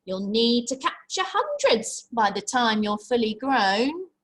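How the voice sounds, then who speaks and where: A woman's voice: on the high side, big pitch swings, takes it slowly. A woman voicing a commanding, encouraging female dragon schoolteacher from a storybook, with emphatic rhymed instructions. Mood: emphatic, instructing.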